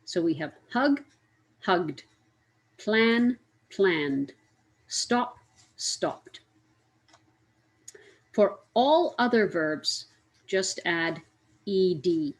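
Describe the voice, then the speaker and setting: A woman with a fairly low voice explains grammar rules in a slow, deliberate way. She spells out letters one by one and repeats each example word so learners can follow. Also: expressive, poor audio. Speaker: English teacher. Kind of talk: grammar lesson.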